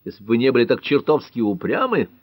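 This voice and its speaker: A man's voice: mid-range voice, sing-song, fast, darkish tone, dry recording, pitched above the performer's own voice. A man reading an audiobook, voicing a stubborn middle-aged police chief in a firm, insistent way.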